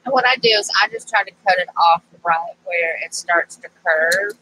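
A woman's voice: on the low side, normal speed, pushed and bright, a little hiss or hum, poor audio. A woman hosting a casual craft tutorial, chatty and thinking aloud, her voice stuffy and nasal from allergies. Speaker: craft channel host.

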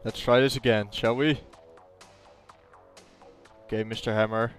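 Man, gamer commentary, excitable and jokey, slow drawn-out delivery with loud outbursts. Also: lowish voice, faint music behind. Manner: excitable, yelling exclamations and swearing; jokey, talks to things in the game. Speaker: gaming video creator. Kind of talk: gameplay commentary.

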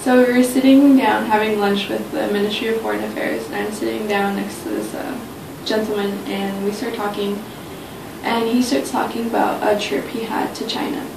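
Her delivery is flat, with vocal fry and a moderate pace, as this young woman, a study abroad student, casually shares personal memories for an interview testimony. It's recorded indoors in a small office meeting room on a distant mic, roomy and carrying a faint low rumble.

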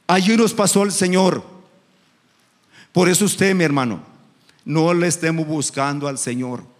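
A middle-aged man preaching a passionate sermon, calling his listeners "brother" again and again and rising into sung, shouted phrases. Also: a little high, unhurried. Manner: impassioned, repeats "hermano" often; rises into sung, shouted cadences. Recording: echoey hall reverb.

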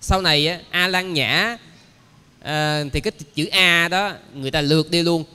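A man, a Buddhist monk giving a dharma lecture, explaining slowly with many pauses and fillers. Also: a little high, bright, forceful tone, clear, resonant tone. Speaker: Buddhist monk teaching a sutra class. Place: temple lecture hall. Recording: long hall reverb.

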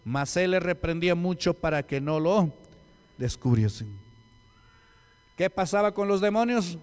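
A Peruvian deacon preaches an emphatic sermon in a church hall, firing rhetorical questions at the congregation. His voice is high, expressive and a little mellow with a clean tone, and he speaks a little slowly. Long church hall reverb trails his words.

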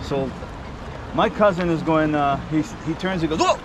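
A man telling stories informally as a local guide outdoors by the sea, acting out bits of dialogue with pauses. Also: on the high side. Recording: outdoor wind and boat-like ambient noise.

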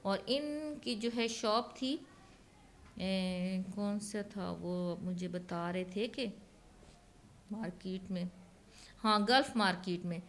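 A woman's voice: mid-range voice, slight background noise. Chatty woman touring a flea market. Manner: chatty, leans on the filler "jo hai" a lot. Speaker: vlogger. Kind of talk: casual shopping vlog narration. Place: open-air flea market stalls outdoors.

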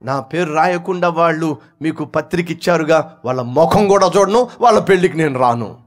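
A man voicing an indignant wife who shouts accusations at her husband in a shrill voice. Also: moderate pace, natural voice.

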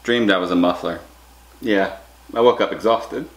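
Deep-voiced man telling dad jokes. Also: moderate pace. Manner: telling dad jokes, setup then punchline. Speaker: dad hosting a joke challenge. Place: home dining room, indoors. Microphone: camera across the table. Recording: roomy echo, noticeable background noise.

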